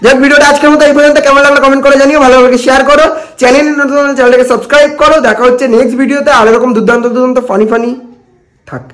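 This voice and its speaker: A young man talks to camera for his prank vlog. His voice sits very high and he rattles along quickly. He pleads and teases, repeating himself again and again. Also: steady tone, a bit bright. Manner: pleading, repetitive, teasing. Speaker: vlogger.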